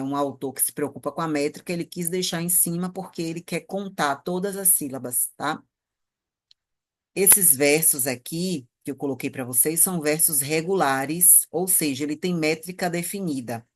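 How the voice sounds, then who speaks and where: A woman teacher with a Brazilian accent, explaining a lesson patiently and often checking that her students follow. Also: deep voice. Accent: Brazilian Portuguese. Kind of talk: classroom lesson on poetry.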